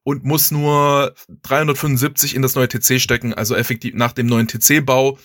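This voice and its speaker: A man's voice: medium pitch, level tone, brisk, fairly bright tone, dry recording, clean studio sound. A man, casually explaining video game strategy, thinking aloud with restarts and chuckles. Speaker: guest strategy player.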